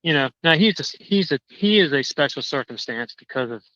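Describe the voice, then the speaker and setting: A man calling in on a crackly phone line that fades in and out, walking a dog outdoors and telling his story in a halting, indignant way, often repeating words. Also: a little high, expressive, pushed and bright, dry recording. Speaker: caller. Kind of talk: casual chat. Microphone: cell phone.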